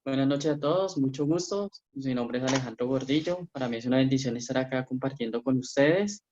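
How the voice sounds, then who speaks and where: A man's voice: medium pitch, fairly quick, darkish tone. A man, a student politely introducing himself over a video call. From Colombia. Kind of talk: brief self-introduction. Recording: dull distant call audio, faint noise.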